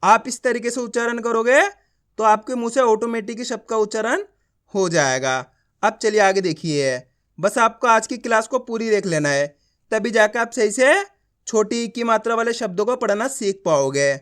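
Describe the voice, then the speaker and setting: A man teaches a reading lesson. He sounds out each letter slowly and keeps asking if learners follow along. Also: high voice, a bit bright. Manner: slow syllable-by-syllable drilling, asks learners to repeat along; often asks whether it is clear. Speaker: Hindi teacher.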